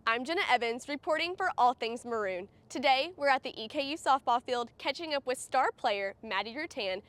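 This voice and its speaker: A woman's voice: high voice, expressive, fairly quick, a bit bright. A woman student reporter reading a scripted news package.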